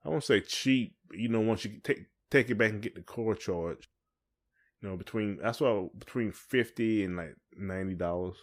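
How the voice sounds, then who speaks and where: An American man co-hosts a podcast, chatting casually in an informal, colloquial way. His voice is fairly low and his speed is normal.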